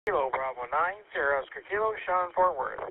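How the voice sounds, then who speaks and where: A man's voice: on the high side, animated, brisk. A man checking into an amateur radio net, giving his call sign phonetically in a terse way, heard through a radio link with static. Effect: heard over a radio link with static. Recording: tinny distant radio transmission with static.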